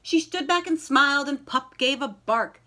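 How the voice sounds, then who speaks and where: A woman reading a children's picture book aloud in an expressive storytelling style, addressing young listeners directly. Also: high-pitched. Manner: animated, pausing to ask young listeners questions.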